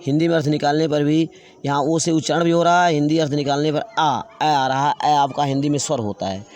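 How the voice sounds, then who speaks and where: A man teaching English grammar, slowly spelling out words letter by letter and repeating them. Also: a little high, fairly even intonation, a little mellow. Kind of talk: classroom grammar lesson.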